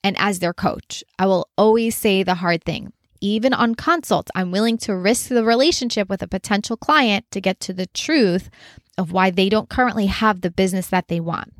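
A woman speaks as a business coach in an earnest, conversational solo monologue, often reaching for filler words as she talks. Her voice sits in an ordinary middle pitch. The recording is dry and close, with no room sound around her. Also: moderate pace, no echo.

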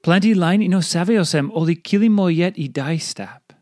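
A man with a Papua New Guinean accent delivers a scripted devotional talk, preaching in measured phrases with repetition for emphasis. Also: sits high, darkish tone, no room sound, studio quality. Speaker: devotional reader.

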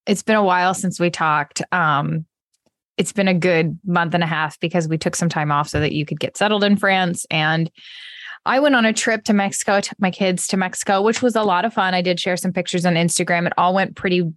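A woman's voice: on the low side, fairly quick, no room sound. A woman, around her thirties, co-hosting a podcast in a casual, conversational way. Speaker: podcast co-host. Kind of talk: casual chat.

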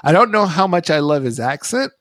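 A man's voice: a little high, big pitch swings, fairly quick, a bit bright. A man co-hosting a casual podcast, easygoing, with short agreeing replies and dry jokes. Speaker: podcast co-host. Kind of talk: casual chat.

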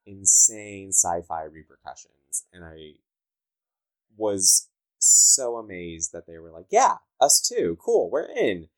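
A man with a low voice speaks in a Southern Californian accent. He chats casually as an interview guest, with valley girl phrasing that leans heavily on "like". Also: darkish tone, low-quality recording. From Southern California, United States. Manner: valley girl talk, peppered with "like". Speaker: interviewed comic book writer.

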